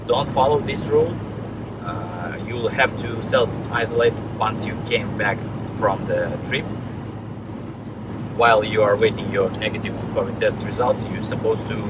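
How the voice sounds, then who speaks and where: Halting and searching for words in his second language, a Russian-accented man from Kazakhstan narrates his trucking vlog in a fairly low voice. He moves between a truck yard and the inside of his truck, with loud vehicle and outdoor noise throughout.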